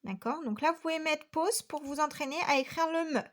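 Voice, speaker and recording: A woman's voice: sits high, a little fast. A woman teacher from France giving a patient, step-by-step handwriting lesson to young children, counting each stroke aloud. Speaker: primary school teacher.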